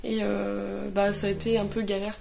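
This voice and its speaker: A young woman chatting casually about her knitting, halting often with fillers and restarts, a little tired. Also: mid-range voice, flat delivery, vocal fry, a little mellow, a little hiss or hum. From France. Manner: hesitant, many fillers and restarts. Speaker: knitting vlogger. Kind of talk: casual chat.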